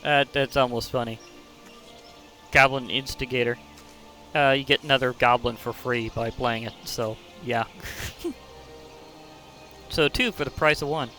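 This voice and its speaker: A man's voice: mid-range voice, fairly even intonation, unhurried, long pauses, bright, forceful tone, faint music behind. A man giving casual, chatty commentary while playing a digital card game, thinking aloud and laughing often. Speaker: gaming channel host.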